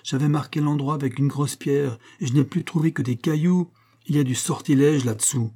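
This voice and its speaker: A man's voice: fairly high pitch, fairly even intonation, brisk, mellow, voice pushed up. A man doing a sly nonchalant young husband. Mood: nonchalant teasing. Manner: easy-going, phlegmatic, mocking. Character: nonchalant, sly young man teasing his father-in-law.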